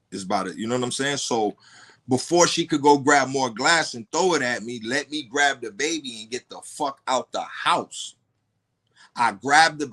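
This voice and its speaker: A man in the guest seat of a podcast, retelling events in casual street slang. He curses freely and trips over his words, repeating them as he goes. His pitch sits in an ordinary middle range. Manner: stumbling repetitions and heavy street slang; profane, animated retelling. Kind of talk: casual storytelling.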